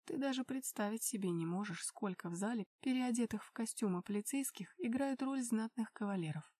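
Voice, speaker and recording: A calm, protective young husband, as a woman narrator puts him on, whispering low and steady. The whisper is close and dry, read like an audiobook. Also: a little fast, no room sound, natural voice.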